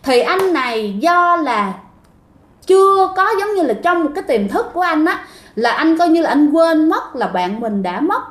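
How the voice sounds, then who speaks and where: A woman's voice: high-pitched, sing-song, moderate pace, fairly bright tone. A woman telling a ghost story in a chatty, casual way, talking straight to her listeners. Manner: chatty, addresses listeners directly. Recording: roomy echo.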